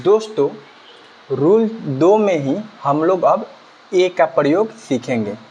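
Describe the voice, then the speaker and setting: A man's voice: a little high, animated, slow, mellow, a little hiss or hum. A man teaching a grammar lesson, asking and answering his own questions and repeating key words. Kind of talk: grammar lesson explaining examples. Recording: slightly dull lo-fi recording.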